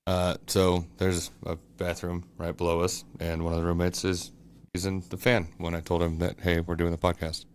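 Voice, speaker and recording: A man's voice: low voice, completely flat delivery, moderate pace, a little hiss or hum. A man co-hosting a casual home podcast, talking bluntly and swearing often. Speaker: podcast co-host. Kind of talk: casual chat. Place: home room above a bathroom.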